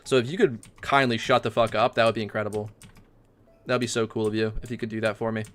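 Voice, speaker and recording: A young man livestreaming a game, chatting casually, swearing and ranting loudly at it. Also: on the low side, quick pace. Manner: excitable, swears often, rants loudly at the game. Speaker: streamer.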